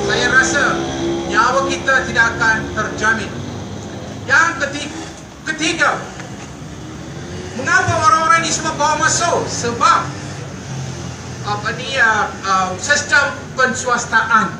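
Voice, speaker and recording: An older man with a Malaysian accent gives an earnest, emphatic political rally speech. He repeats his points and stops on fillers between them. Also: very high voice. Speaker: rally speaker. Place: outdoor night rally by a street. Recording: echoey PA sound from far off with traffic noise.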